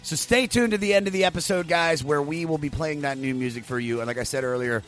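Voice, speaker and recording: A man's voice: a little high, fast talker, fairly bright tone, faint music behind. A man hosting a podcast, introducing his guest with an enthusiastic, rambling, profane story. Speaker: podcast host.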